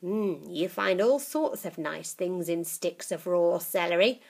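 A woman voicing a creepy, witchlike old grandmother in a storybook reading, with slow, relishing, menacing delivery. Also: on the low side, creaky, husky, exaggerated voice. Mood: gloating, relishing.

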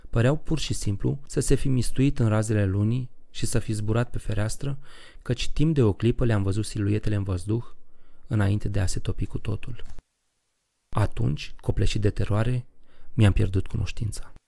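A man narrating a horror audiobook in a slow, measured, dramatic reading. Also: on the low side, vocal fry, dark tone, dry recording.

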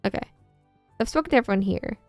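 A young woman streaming a farming game, excitable and gushing, chatting to her viewers. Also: mid-range voice, fast, no room sound, studio quality, soft background music. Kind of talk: casual gaming commentary.

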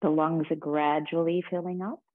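Calm low-voiced woman guiding breathwork. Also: no room sound. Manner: slow, calm, soothing guidance. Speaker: yoga and breathwork teacher. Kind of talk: guided breathing meditation. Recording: tinny phone-like sound.

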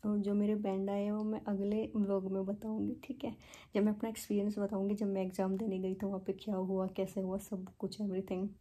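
A young woman from India chats through a personal story in a casual vlog, her speech full of fillers and English words. Her voice is very dark and mellow with a husky grain. She keeps her pitch quite flat. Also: a little fast. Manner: chatty, many fillers, mixes in English words. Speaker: vlogger.

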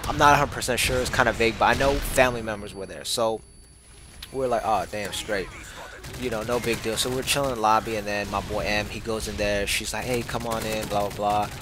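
A man's voice: lowish voice, steady tone, brisk, background noise. A young man telling a casual story in laid-back slang, laughing often. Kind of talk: casual anecdote over gameplay. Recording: gameplay audio with gunfire behind.

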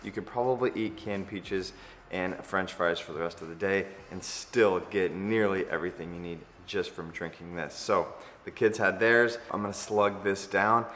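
A man in his thirties vlogging in a casual chat with a raspy morning voice, upbeat and energetic, filmed in a home kitchen. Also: low-pitched, normal speed, slight background noise. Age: 30s. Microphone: handheld camera mic. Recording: long reverb, faint music behind.

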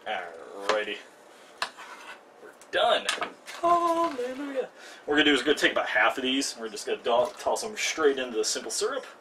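A man's voice: medium pitch, wildly swooping pitch, brisk. A young man hosting a live cooking stream in his home kitchen, chatty and self-mocking with jokey asides. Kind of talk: casual live cooking demo. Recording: distant mic, noisy kitchen.

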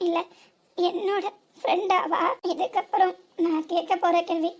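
A woman's voice: extremely high pitch, steady tone, a little slow. A woman voicing a hurt young wife in a cartoon, asking bitter, reproachful questions. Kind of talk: cartoon voice acting.

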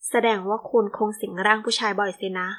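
A woman's voice: mid-range voice, flat delivery, fast, a bit bright, natural voice. Storybook: woman doing a mocking young male boss, dry and teasing.

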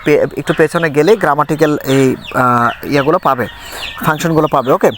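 A man teaching an English textbook lesson, explaining patiently and reading the English lines slowly before he translates them. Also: fairly high pitch, a bit bright, a little hiss or hum.

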